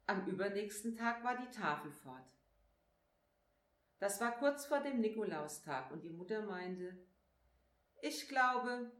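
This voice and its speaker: A woman reading a children's story aloud in a calm, clear storybook manner. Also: medium pitch. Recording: echoey room.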